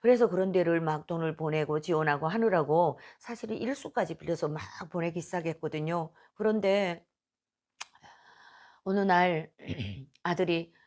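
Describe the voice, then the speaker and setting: A woman's voice: lowish voice, normal speed, a little mellow. A middle-aged woman from North Korea with a North Korean accent, telling her personal faith testimony in an earnest, emotional storytelling way. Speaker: testimony speaker.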